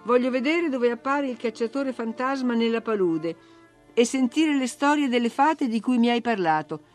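A woman's voice: on the high side, moderate pace, darkish tone, faint music behind, voice pushed up, lightly acted. A woman voicing a spoiled, imperious young girl who gives orders and grows indignant, in a storybook reading. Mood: commanding. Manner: bossy, indignant, whiny.

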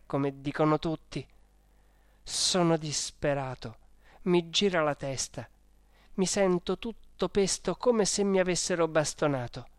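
A storybook reader telling a diary tale in the first person, with a slow and measured delivery. The voice is mid-pitched and recorded close, with a dry sound and no room echo. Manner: slow, measured, even reading. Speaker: audiobook reader.

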